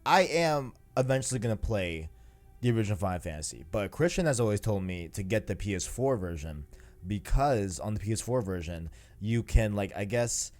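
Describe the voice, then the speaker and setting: This podcast host is a man with a lowish, somewhat dark voice. He chats casually about video games in slangy speech, often repeating himself when he agrees.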